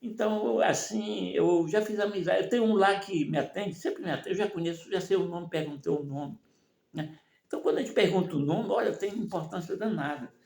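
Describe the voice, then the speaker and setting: An older man talks in a rambling, folksy way and keeps tossing in little questions to his listeners. His voice is gravelly and sits a bit high for a man. He is recorded in an echoey room. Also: a little fast, a little mellow. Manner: rambling, keeps asking "né?" and "não é mesmo?"; folksy, moralizing. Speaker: vlogger. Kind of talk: casual advice monologue.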